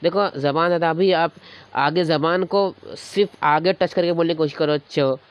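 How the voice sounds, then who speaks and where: A man's voice: fairly high pitch, fairly even intonation, moderate pace, clear, resonant tone. A man teaching a grammar lesson, patiently repeating each sound aloud to demonstrate it. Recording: dull lo-fi recording.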